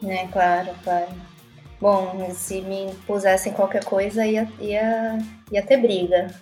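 A woman's voice: mid-range voice, flat delivery, slow, darkish tone, faint music behind. Chatty Brazilian woman in an echoey room. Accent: Brazilian Portuguese. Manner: frank, chatty, with many fillers. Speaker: interview guest. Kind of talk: casual conversational interview.

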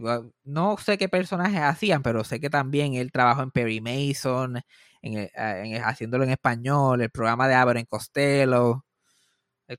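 A man's voice: mid-range voice, no echo, clean studio sound. A man with a Puerto Rican accent hosting a podcast, telling a story in casual, rambling chat full of swearing and restarts. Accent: Puerto Rican Spanish. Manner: rambling and profane, with frequent restarts. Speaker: podcast host.

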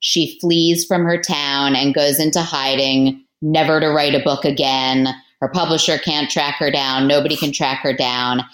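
A woman author chatting as a podcast guest, telling about her books in a relaxed, talkative way and laughing easily. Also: deep voice, moderate pace, few pauses, roomy sound. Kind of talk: casual podcast interview.

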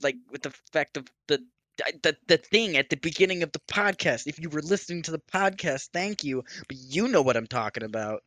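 A man's voice: on the high side, expressive, brisk, bright, forceful tone. A young man co-hosting a casual podcast chat, easygoing and teasing, dropping in lots of short replies. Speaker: podcast co-host.

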